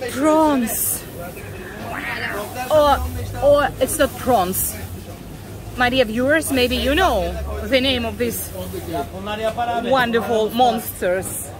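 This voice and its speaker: Slow-talking Russian woman at a busy market. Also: fairly high pitch. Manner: excited, chatty with sellers, halting English with fillers. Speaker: travel vlogger. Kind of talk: casual walking vlog. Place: outdoor fish market. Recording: busy crowded market in the background. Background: market crowd.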